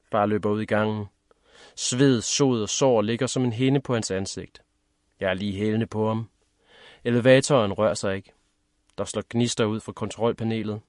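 Low-voiced man reading a story. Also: no echo, clean studio sound. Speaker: audiobook narrator. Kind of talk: first-person scripted story narration.

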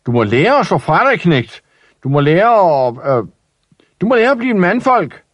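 A man voicing a loud, impatient father who shouts and rattles off his words fast. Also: on the high side, dry recording, voice pushed up, natural voice. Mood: blustering.

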